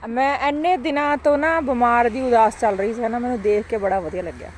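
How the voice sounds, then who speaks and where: A woman chatting casually for a village vlog outdoors, animated and given to exclaiming and playful calling out. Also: a little high, a little fast, a little hiss or hum. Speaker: village vlogger.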